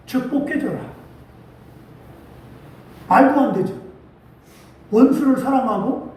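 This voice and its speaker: A man's voice: high voice, a little mellow. A male pastor preaching a sermon. He asks the congregation rhetorical questions and acts out quoted speech with rising emphasis. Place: church sanctuary. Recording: very echoey church hall, mic at a distance.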